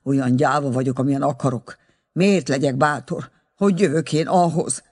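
A man's voice: medium pitch, lightly acted. A man reading aloud and voicing a fussy, timid stout old woman who chatters and loses her thread. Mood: rambling.

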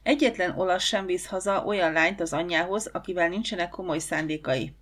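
A woman's voice: fairly low pitch, a bit bright. A woman reading the part of a self-assured, joking young male lawyer in an audiobook. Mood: teasing.

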